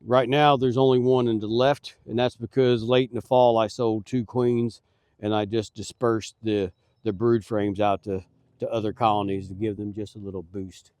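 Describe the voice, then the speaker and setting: Middle-aged man, beekeeper, folksy and earnest, mellow tone, dry close sound. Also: on the low side, level tone, moderate pace, no echo. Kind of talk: casual vlog talk. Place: outdoors at beehives.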